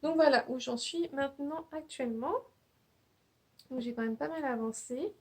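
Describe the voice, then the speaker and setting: A woman's voice: high voice, moderate pace, darkish tone. A young woman hosting a knitting podcast, chatting casually and hesitantly, with many fillers and restarts. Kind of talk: casual show-and-tell chat.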